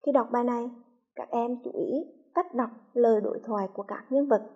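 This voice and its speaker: A woman from Hue with a Vietnamese accent, a primary school teacher reading a lesson slowly and clearly to young children. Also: fairly high pitch, mellow, dull audio. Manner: slow, clearly articulated, patient.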